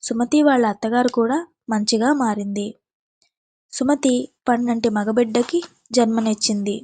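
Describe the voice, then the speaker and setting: A woman's voice: fairly high pitch, moderate pace, a little mellow, dry recording. A woman narrating an emotional family story in a plain, sympathetic way.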